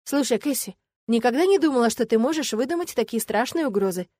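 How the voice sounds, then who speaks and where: Teasing young student girl voiced by a woman narrator with a high, dry voice in an audiobook. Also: lively intonation, quick pace, a little mellow, no room sound. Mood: amused.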